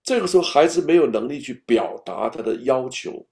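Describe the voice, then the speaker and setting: A man giving a patient, step-by-step talk on raising children, at times speaking straight to an imagined baby and dropping to a soft whisper. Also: medium pitch, expressive, a little fast, vocal fry. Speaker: parenting speaker.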